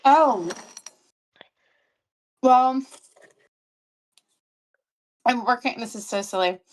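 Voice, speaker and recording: A woman's voice: on the high side, extremely slow, a little hiss or hum. A woman player in casual chat on a tabletop game stream, friendly, a bit sheepish, laughing easily.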